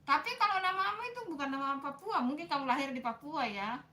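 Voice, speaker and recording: A woman's voice: high voice, lively intonation, fast, pushed and bright. A woman hosting a casual livestream, chatting with viewers, greeting them by name and apologizing often. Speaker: livestream host.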